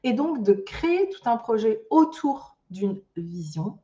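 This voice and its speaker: A woman's voice: fairly high pitch, sing-song, takes it slowly, dark tone, recorded from a distance, lo-fi sound. A woman giving an online master class on starting an ecotourism business, speaking loosely with lots of fillers and restarts. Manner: loose spoken delivery with many fillers and restarts.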